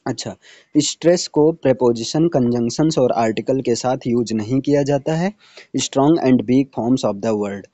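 A man's voice: medium pitch, dark tone, dry recording, highs cut off. A man teaching an exam-prep lecture, explaining steadily and checking in with his listeners. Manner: explanatory, checks in with "theek hai" and fillers.

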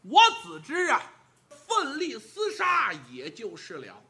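A man's voice: very high voice, big pitch swings, moderate pace, pushed and bright, heavily acted. A man voicing a brash, hot-tempered, burly outlaw warrior who talks bluntly and boastfully. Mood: gruff.

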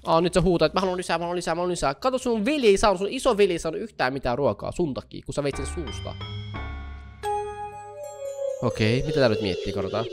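A young man hosting his channel, giving excited reaction commentary to animations, gasping often and talking straight at the screen. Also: a little high, pauses often, music in the background. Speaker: YouTuber host.

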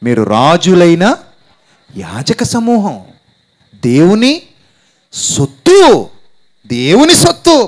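High-voiced emphatic male pastor. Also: fairly bright tone. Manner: emphatic, repetitive preaching that urges listeners to repeat phrases aloud. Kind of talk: sermon.

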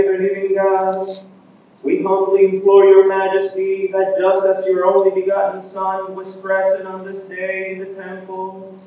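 Priest in cathedral echo, distant. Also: male voice, high-pitched, slight background noise. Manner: relaxed, chatty greeting then formal chanted prayer. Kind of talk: leading a Mass. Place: large church. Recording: muffled echoey church from far off.

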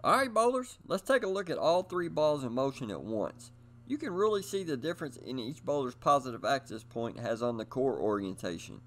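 A middle-aged man presents a bowling how-to video, speaking upbeat scripted lines right to the camera. He has a medium-pitched, very animated voice and talks fairly quickly. A little hiss or hum can be heard in the recording.

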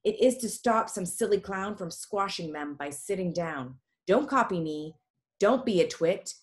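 A woman reads a rhyming story aloud to young students during an online class. She speaks at a medium pitch, comes through a video-call mic, and keeps the reading lively with quick asides. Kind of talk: reading a poem aloud to children.

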